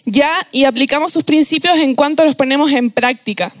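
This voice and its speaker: High-voiced Chilean woman preaching casually. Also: brisk, dry recording, clean studio sound. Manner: slangy and animated, laughing often. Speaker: youth preacher. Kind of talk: casual youth sermon.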